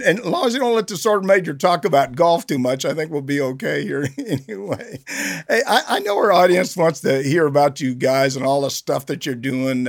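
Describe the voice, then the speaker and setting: A man's voice: a little high, creaky. An older man hosting a military podcast in a jovial, gung-ho, casual way, often chuckling as he talks. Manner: jovial, chuckling, gung-ho army talk with hooah shouts. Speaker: podcast host, retired army senior enlisted leader.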